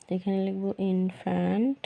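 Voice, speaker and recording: A woman teacher, explaining a children's workbook lesson patiently and repeating the answers slowly. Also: mid-range voice, steady tone, creaky, phone-quality sound, a little hiss or hum.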